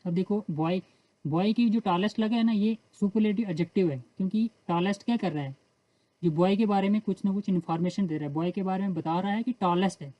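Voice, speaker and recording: A woman with an Indian accent teaching English grammar in Hindi. She explains the rules step by step and reads the English example sentences slowly. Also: medium pitch, dark tone, dry recording, lo-fi sound.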